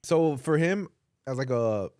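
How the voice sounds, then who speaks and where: A man's voice: mid-range voice, expressive, measured pace, a little mellow, dry recording, clean studio sound. A man in a casual, opinionated podcast chat, earnestly arguing his point with slang and swearing. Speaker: podcast host.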